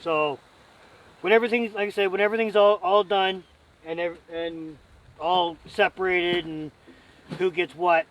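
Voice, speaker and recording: A man with a high-set voice hosts a camping vlog. He talks casually to viewers and his friend, wandering from point to point with folksy, joking asides. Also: fairly even intonation, normal speed, fairly bright tone, far from the mic, low-quality recording. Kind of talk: casual chat to camera with a friend.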